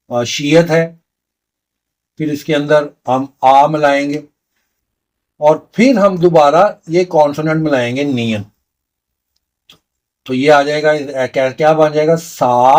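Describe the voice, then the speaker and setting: A man's voice: on the high side, a little mellow. A man teaching a beginner language lesson, patiently repeating each sound step by step. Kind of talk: slow explanatory lesson.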